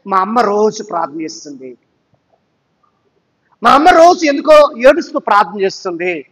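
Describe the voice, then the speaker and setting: A male pastor with a strikingly high voice preaches in a church hall, the sound ringing with a long reverb. He presses his points with emphatic rhetorical questions aimed at the congregation. His delivery is urging, in full sermon mode. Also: a bit bright.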